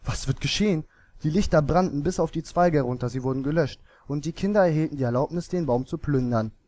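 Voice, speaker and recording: A man narrating a fairy tale in an expressive storybook manner. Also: a little high, fast.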